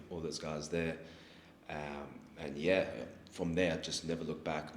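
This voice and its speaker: This is a casual interview with a young fighter from South Africa whose voice is deep and low. His answers come in a relaxed but halting way, full of false starts and restarts. The recording picks up room echo and a slight hiss.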